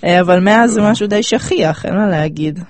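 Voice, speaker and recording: A woman in her twenties with an Israeli accent, chatting casually and pausing mid-sentence as she thinks. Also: medium pitch, crowd noise. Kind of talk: casual chat.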